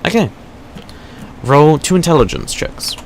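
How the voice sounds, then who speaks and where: A man's voice: a little high, very animated, measured pace, a little hiss or hum. A man narrating a tabletop game as game master, describing scenes and calling for dice rolls over voice chat.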